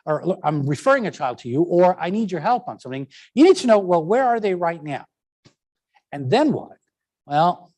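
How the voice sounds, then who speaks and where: A man's voice: high voice, darkish tone. A middle-aged man presenting a professional training lecture in a conversational way, with sarcastic asides.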